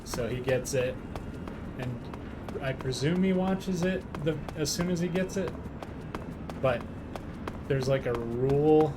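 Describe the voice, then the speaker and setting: A man's voice: a little high, takes it slowly, long pauses, background noise. A young man chatting casually while playing a video game, rambling and laughing often. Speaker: let's play co-host. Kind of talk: casual gaming chat. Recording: game music behind. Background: game music.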